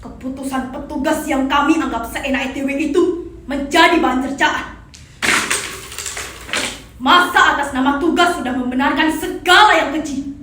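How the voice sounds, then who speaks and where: A woman's voice: high voice, bright, forceful tone. A woman playing an indignant citizen in a theatrical monologue, declaiming accusations against authority. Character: indignant citizen denouncing abusive officers. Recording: echoey stage, clearly noisy with clicks.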